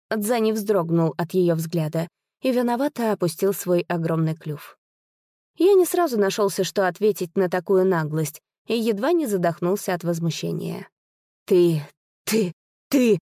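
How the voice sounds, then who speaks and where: Woman narrator, mid-pitched, lively theatrical storybook reading, dry close recording. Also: normal speed, dry recording. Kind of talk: expressive audiobook reading.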